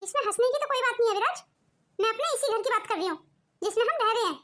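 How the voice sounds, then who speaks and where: A woman's voice: very high-pitched, quick pace, fairly bright tone. A woman voicing an elderly mother-in-law in a cartoon family story, scolding and pleading by turns. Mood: angry. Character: proud elderly mother-in-law, later remorseful. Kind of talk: cartoon voice acting.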